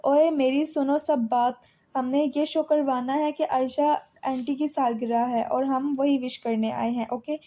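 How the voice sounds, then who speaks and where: Lady reading as a teasing young guy in a storybook, bossy but cheery, high voice. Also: steady tone, mellow, close to an everyday voice. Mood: playful. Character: playful young man, teasing ringleader friend.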